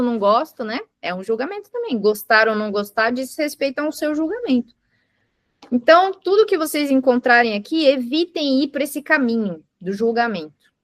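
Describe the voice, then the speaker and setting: Teaching mindfulness to a group gathered indoors, this woman uses everyday examples, explains patiently and asks the class questions. Her pitch is fairly high and her tone fairly bright, recorded dry at studio quality.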